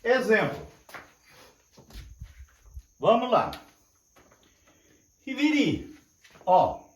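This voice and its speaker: Older male teacher, high and lively voice, slow repetitive lecturing; echoey room. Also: distant mic. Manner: slow, repetitive, drawn-out explaining with frequent checks. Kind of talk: classroom lecture at a whiteboard.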